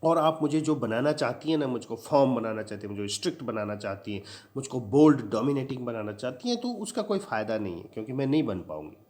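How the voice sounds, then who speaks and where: A man's voice: medium pitch, lively intonation, quick pace, a little mellow, close to an everyday voice. A male teacher voicing a meek middle-aged housewife who speaks hesitantly and apologetically.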